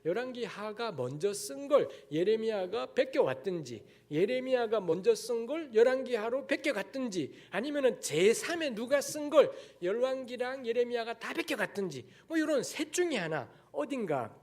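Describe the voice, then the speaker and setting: A man's voice: very high-pitched, very animated, moderate pace, hardly any pauses, a little mellow. A man from Daegu giving a lecture-style sermon as a guest preacher in a church, talking bluntly and candidly with frank asides. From Daegu, South Korea. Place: church sanctuary.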